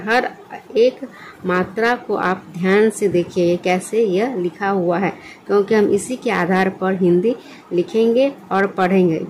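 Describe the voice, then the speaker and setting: Woman teacher, very slow, asks and answers her own questions, faint hiss behind. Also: mid-range voice, a little mellow, low-quality recording. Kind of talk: slow children's lesson.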